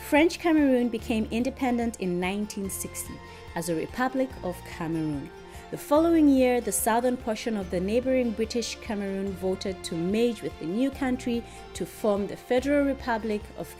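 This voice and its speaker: A woman's voice: medium pitch, mellow. A woman hosting a studio interview show, opening with a scripted introduction, then asking questions in an upbeat, encouraging way and laughing often. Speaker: host.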